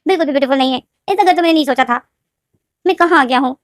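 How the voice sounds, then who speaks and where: A woman's voice: high-pitched, very fast, dry recording, studio quality, pitched above the performer's own voice, close to an everyday voice. A woman voicing a whiny, complaining young man in a retold story. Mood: disappointed. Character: young adult male omega, grumbling and disappointed.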